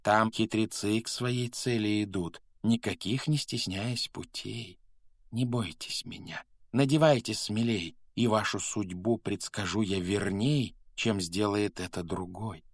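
An old, patched, wise magic hat, as a male narrator chants it, reciting its verses slowly and rhythmically in a low, dark voice. The storybook reading is dry and close. It keeps a steady, solemn lilt. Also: no echo. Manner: sung-spoken, slow and rhythmic.

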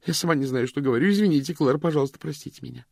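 Male reader puts on a high, loud, frayed female voice, shrill and biting; dry sound. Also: big pitch swings, a little fast, vocal fry, slightly rough, no echo, heavily acted. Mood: shrill, bitter. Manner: shrill, agitated, sarcastic. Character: highly strung woman, shrill and bitter.

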